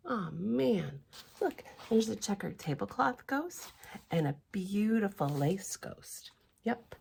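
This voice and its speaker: With a gravelly, husky voice of medium pitch, a woman reads a picture book to young children as a library storyteller. Her delivery is theatrical and expressive, broken up by chatty asides.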